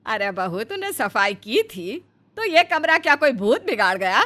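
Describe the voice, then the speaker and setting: A stern, bossy mother-in-law, voiced by a woman in a cartoon story, barking orders and scolding. Her voice sits high and swings widely. It has a bright, sharp edge. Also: big pitch swings, unhurried, faint music behind, exaggerated voice. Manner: scolding, commanding. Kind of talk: Hindi cartoon story voice acting.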